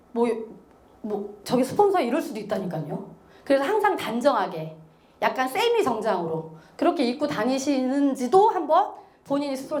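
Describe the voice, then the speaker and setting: Animated woman lecturing in an echoey room. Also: high-pitched. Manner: animated, acts out quoted remarks, laughs often. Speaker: business seminar lecturer. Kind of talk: lively seminar lecture.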